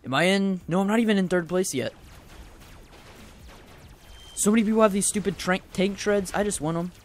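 A young man giving casual, rambling let's-play commentary, excitable and full of goofy asides. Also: high voice, moderate pace, soft background music. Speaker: gaming video host.

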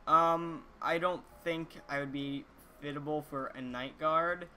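A teenage boy talks casually to his viewers in a slightly raised, bright voice. He is earnest and halting, often repeating words as he goes. There is some faint noise behind him in the room. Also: on the high side, steady tone. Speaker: YouTuber reading viewer comments. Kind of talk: casual chat to camera. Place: small indoor room, gaming chair.

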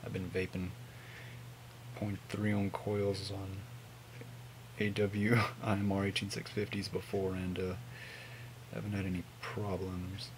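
A man in his twenties giving a casual, mumbled, sweary product review on a low-volume webcam recording. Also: completely flat delivery, measured pace, slight background noise, low-quality recording. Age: 20s. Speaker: vape reviewer. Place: small home room with hanging clothes.

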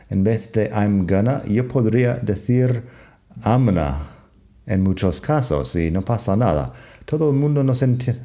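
A man with a low, mellow voice teaches in an unhurried podcast lesson. His first language is English, and he reads example sentences slowly and patiently before explaining them.

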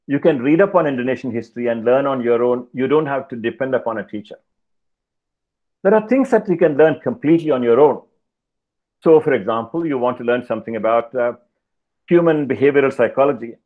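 Older man lecturing over a video call. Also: medium pitch. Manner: measured, deliberate, pauses with fillers. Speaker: keynote speaker. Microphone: headset, video call. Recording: slightly dull video-call audio.

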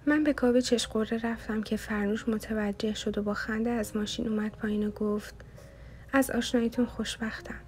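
A woman narrating an audiobook in steady storytelling. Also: mid-range voice, hardly any pauses, a little hiss or hum.

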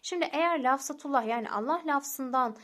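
A young woman teacher explaining recitation rules patiently, repeating each rule step by step and slowing down for examples. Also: high voice, a bit bright. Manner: slows down to recite example words. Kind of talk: recorded tajweed lesson.

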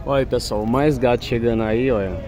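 A man's voice: mid-range voice, a little fast. A man filming on his phone at an outdoor cattle market, chatting casually to his viewers and pointing things out as he walks. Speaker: vlogger filming a cattle fair. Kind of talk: casual phone-camera commentary. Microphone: handheld phone camera. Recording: crowd noise at an outdoor market. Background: crowd and vehicles at an outdoor fair.

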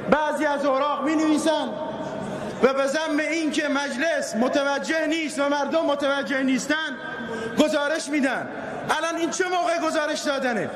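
A man, a member of parliament, shouting an angry, accusing speech in a parliament chamber. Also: very high-pitched. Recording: echoey parliament hall with crowd.

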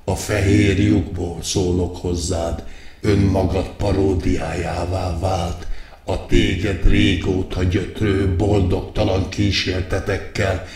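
A man's voice: low voice, flat delivery, a little mellow, lightly acted. A man playing a pompous male wizard doctor who preaches stillness in a satirical guided meditation, declaiming long lists of verbs. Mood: preachy. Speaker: meditation therapist in a satirical video. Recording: echoey hall from far off, music behind.

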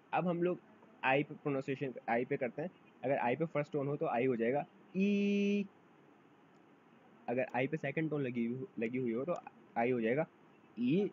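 A man teaching a beginner language lesson, drawing out model sounds and asking learners to repeat after him. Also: mid-range voice. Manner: drawn-out model sounds for drills. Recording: dull lo-fi recording, faint noise.

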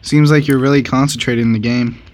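A man's voice: medium pitch, brisk. Guy hyped up playing a game w his buddy, laughing n trash talking, faint hiss behind. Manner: excitable, laughs and trash-talks his opponent. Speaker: gaming channel host. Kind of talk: casual gameplay commentary.

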